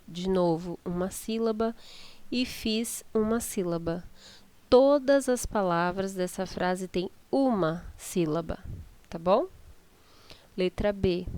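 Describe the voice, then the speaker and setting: A Brazilian woman teacher speaks slowly and unhurriedly, her voice smooth and clear. She explains each exercise patiently, step by step, and keeps checking that her students follow along. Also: mid-range voice, a little mellow. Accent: Brazilian Portuguese. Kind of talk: online class correcting exercises.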